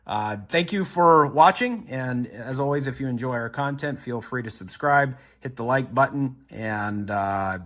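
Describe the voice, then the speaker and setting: A man's voice: medium pitch, animated, unhurried, hardly any pauses, a bit bright. A man hosting a card collecting channel, wrapping up a box opening in casual, upbeat talk with many fillers. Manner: upbeat, rambling with frequent "uh" fillers. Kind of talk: casual wrap-up talk to viewers.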